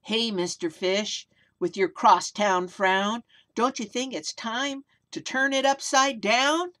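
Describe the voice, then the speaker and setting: A woman's voice: on the high side, steady tone, slow, a bit bright, pitched above the performer's own voice. Woman as a perky, chiding storybook sea creature. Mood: coaxing, chiding. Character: perky, scolding sea creature friends urging cheer.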